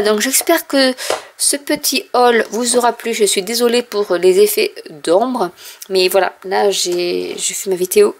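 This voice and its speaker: A French-speaking woman presenting a casual craft product haul at home, explaining in a chatty way with frequent fillers. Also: medium pitch. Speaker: craft vlogger.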